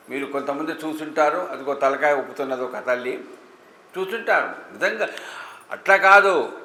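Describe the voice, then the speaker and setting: A man's voice: a little high, sharp tone. A man giving a devotional discourse to a gathered audience, asking rhetorical questions with emphasis. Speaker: religious speaker. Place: temple hall with an audience. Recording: echoey hall, faint ambience.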